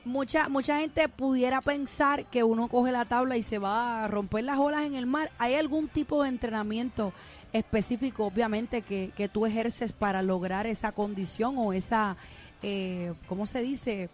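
A woman with a Puerto Rican accent co-hosting a casual radio show, talking in quick animated bursts. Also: on the high side. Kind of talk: casual radio chat and interview.

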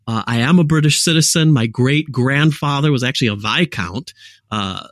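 A man's voice: medium pitch, moderate pace, fairly bright tone, no room sound, clean studio sound. A man with a mixed American accent, a guest telling rambling, jokey stories in a casual interview. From United States.

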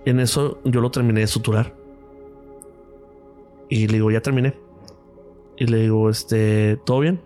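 A man's voice: lowish voice, steady tone, moderate pace, pauses often, dark tone, soft background music. A man with a Mexican Spanish accent, a radiologist guest on a podcast, tells a story and acts out the quoted dialogue.

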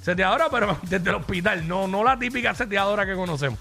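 A man with a Puerto Rican accent co-hosting a radio show, chatting and reading news in a lively, joking way. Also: sits high, fast, creaky, faint music behind. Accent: Puerto Rican Spanish. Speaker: radio co-host. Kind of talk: casual radio chat and news.

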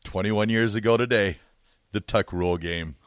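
A man's voice: lowish voice, normal speed, dry recording, studio quality. A man in his forties co-hosting a sports radio show, telling stories in short clipped bursts. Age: 40s. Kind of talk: casual sports talk radio. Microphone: studio microphone.

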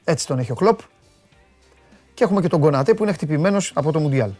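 A man delivering a satirical comic monologue about football, with mocking rants that jump from loud outbursts to low muttered asides. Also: expressive, no echo, soft background music. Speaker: comedian doing football commentary.

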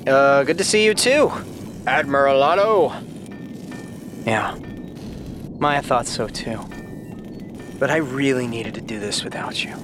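A man's voice: medium pitch, unhurried, long pauses, over music, natural voice. A man voicing a sentient freighter spaceship in an audio drama, a brash, easygoing adventurer who talks in casual, teasing slang. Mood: wry, fond. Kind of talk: audio fiction drama acting.

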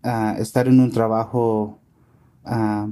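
A man answering interview questions in a relaxed conversation, hesitant with many fillers, slipping words into his Spanish. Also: lowish voice, slow, clean tone. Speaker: interview guest, scientist and tech consultant.

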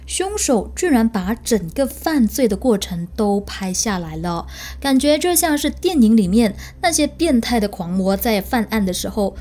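A woman's voice: medium pitch, mellow. A woman hosting a true crime show, narrating in a suspenseful, conversational storytelling way and speaking directly to listeners.

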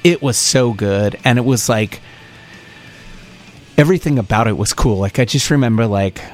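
A man, a recording engineer and producer, chatting as an interview guest and telling excited, rambling stories. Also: mid-range voice, normal speed, soft background music. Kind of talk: casual interview chat.

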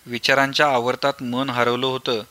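Male audiobook narrator, measured and reflective, bright, dry. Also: mid-range voice, level tone, dry recording. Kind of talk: scripted storybook narration.

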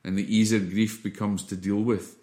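Low-voiced man giving an informal spiritual lesson. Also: flat delivery, moderate pace, dark tone. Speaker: spiritual teacher.

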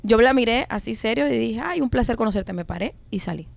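A woman telling a personal story in a casual group chat, animated and dramatic. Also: on the high side, a little fast, creaky.

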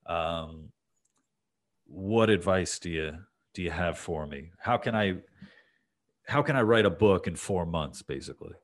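A man's voice: deep voice, unhurried, pauses often. A man hosting a podcast interview, chatting casually in a loose, rambling way with many restarts. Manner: loose, rambling, full of restarts and "you know". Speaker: podcast host.

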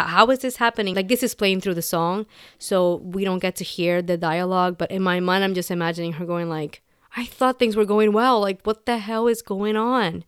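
A woman hosting a podcast, talking casually and candidly, acting out quoted lines in short animated bursts. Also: on the low side, smooth, dry recording, clean studio sound. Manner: candid, animated, quotes dialogue in little acted bits. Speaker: podcast host. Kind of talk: casual commentary.

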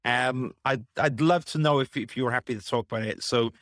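A man's voice: mid-range voice, a little fast, a bit bright, no echo, studio quality. A man from Wales, hosting a podcast in a chatty, informal way. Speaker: podcast host. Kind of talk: casual podcast conversation.

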